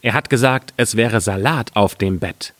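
A man's voice: fairly low pitch, normal speed, fairly bright tone, no echo, lightly acted. A man reading a fairy tale aloud, voicing a sly, cunning poor peasant in a slightly raised voice.

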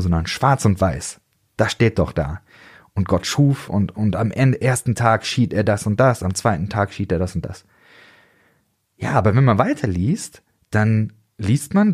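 A man hosting a reflective solo theology podcast, lively and often mimicking strict voices to make a point. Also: fairly low pitch, husky. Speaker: podcast host.

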